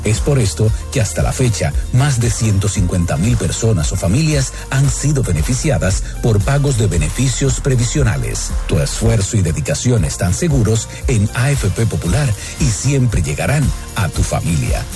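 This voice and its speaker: A man's voice: lowish voice, sing-song, normal speed, music in the background. A man reading a scripted ad voice-over in a polished, reassuring manner. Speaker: ad announcer.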